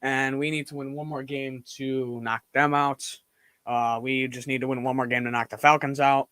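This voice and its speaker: A young man chatting casually on a live stream from home while standing and moving around, so his voice drifts nearer and farther from the microphone. He rambles and reacts out loud. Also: medium pitch, flat delivery, moderate pace, smooth, no echo. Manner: rambling, reacts loudly to plays.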